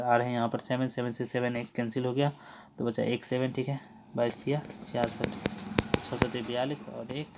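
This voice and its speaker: A man teaching math, running through exam answers briskly, working the sums out loud and saying "okay" over and over. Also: mid-range voice, background noise. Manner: brisk, repeats "theek hai" constantly; works sums aloud in a running drone.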